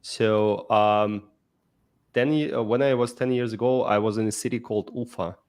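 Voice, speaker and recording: With a low-leaning, darkish, clean voice, a Russian-accented man from Russia, a startup founder, shares his life story on a podcast in a casual interview. He speaks at a normal speed with fairly even intonation, using many fillers and restarting often.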